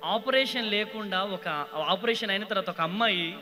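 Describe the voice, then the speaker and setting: Middle-aged male pastor, impassioned testimony, soft then shouting, long hall reverb, light music bed. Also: high-pitched, moderate pace. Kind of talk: emotional testimony sermon.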